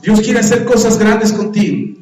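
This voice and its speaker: A man, preaching a sermon in a church with animated, dramatic delivery and acted-out voices. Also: sits high, moderate pace. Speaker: pastor. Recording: echoey church hall.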